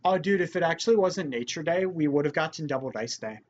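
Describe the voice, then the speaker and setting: Animated male gamer, casual and excitable. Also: a little high, quick pace. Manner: excitable, says dude often. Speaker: gamer commentating on a party board game. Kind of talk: casual let's play chat. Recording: dull mic with faint noise.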